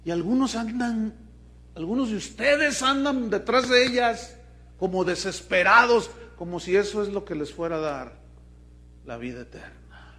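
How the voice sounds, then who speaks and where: A man's voice: high voice, expressive, measured pace, bright, forceful tone. A man with a Mexican accent preaching a sermon to his congregation, emphatic and full of questions to the listeners. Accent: Mexican Spanish. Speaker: pastor.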